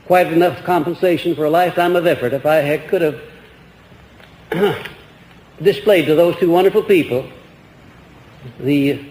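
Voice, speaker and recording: An older man lecturing an audience, answering their questions, is heard on an old archival recording from an echoey hall with faint hiss. His voice is fairly high pitched with a darkish tone, and he is earnest and rambling, with restarts and rhetorical questions.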